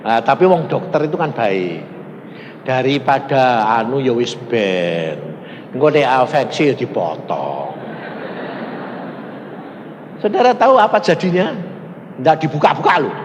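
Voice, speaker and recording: Animated Javanese-accented preacher in a hall. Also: male voice, mid-range voice, unhurried, long pauses. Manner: animated, acts out quoted voices, mixes in local dialect. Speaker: evangelist preacher. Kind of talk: storytelling sermon. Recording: long reverb in a large hall, faint noise.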